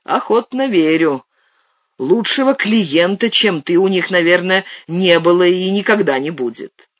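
A man's voice: high voice, animated, unhurried, a bit bright, no room sound, heavily acted. A man reading aloud and voicing an irritable older brother, a vet who barks and lectures. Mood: scolding. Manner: scolding, barking.

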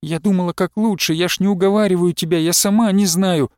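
A man reading aloud and voicing a frightened young wife who pleads with her husband, her lines pitched up and close to tears. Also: fairly even intonation, quick pace, a little mellow, clear, resonant tone, no room sound, close to an everyday voice. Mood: pleading. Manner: pleading, rising, near tears.

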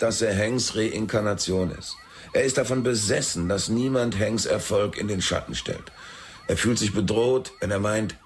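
A man's voice: lowish voice, a little hiss or hum. A man narrating and playing the detective in a radio drama, dry and laconic.

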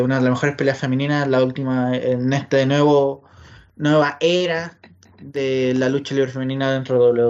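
A man's voice: mid-range voice, darkish tone. A man with a Chilean accent hosting a casual wrestling podcast, rambling and slangy with many fillers. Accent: Chilean Spanish. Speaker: podcast host. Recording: dull lo-fi sound.

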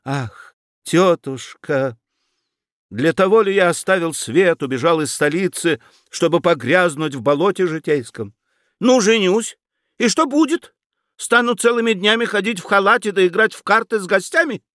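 A man voicing a lofty, dreamy young nobleman who speaks in high-flown, pleading exclamations. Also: lively intonation, a little slow, no echo, studio quality. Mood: indignant.

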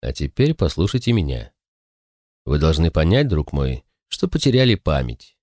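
A man voicing a calm young doctor who speaks gently and soothingly in an audiobook reading. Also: rumbling low, moderate pace, dry recording, clean studio sound, exaggerated voice. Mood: gentle.

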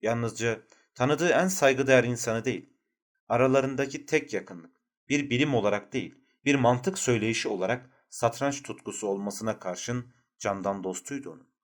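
A man narrating a literary novel as an audiobook, with a measured, even storytelling delivery. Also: mid-range voice.

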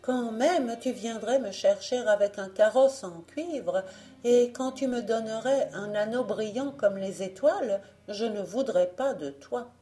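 A woman's voice: on the high side, unhurried, dark tone, faint music behind, voice pushed up, lightly acted. A woman voicing a proud young woman from a storybook who boasts and scorns her suitors. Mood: disdainful. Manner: haughty, boastful.

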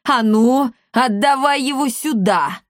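A woman voicing a loud, hot-tempered female commandant who shouts and coos by turns. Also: mid-range voice, expressive, unhurried, dry recording, studio quality, lightly acted. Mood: angry, outraged. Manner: shouting, then cooing sweetly.

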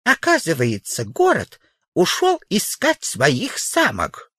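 A man voicing a timid, apologetic alien grasshopper in a children's audiobook, speaking in a high voice. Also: huge pitch swings, takes it slowly, pushed and bright, breathy edge, dry recording, studio quality, full character voice. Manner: apologetic, guilty.

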